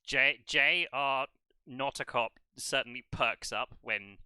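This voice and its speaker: Male game master, hesitant narrator, sharp bright tone, crisp and dry. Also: mid-range voice, no echo. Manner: halting, hesitant narration with many ums.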